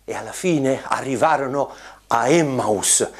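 A man in his sixties, a puppeteer, telling a story to children in an animated style. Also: mid-range voice, unhurried, slightly rough. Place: small furnished room indoors.

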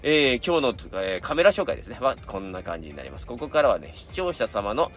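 A man's voice: lowish voice, big pitch swings, brisk, fairly bright tone. A middle-aged man with a Kansai accent, chatting casually as a camera channel host, rambling with many fillers and asides while reviewing gear and reading viewer submissions.

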